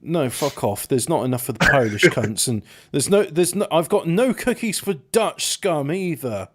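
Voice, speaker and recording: Excitable podcast co-host, a man from Belgium, slightly high voice, very lively delivery, crude jokey banter. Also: moderate pace. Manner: excitable, jokey, laughs often.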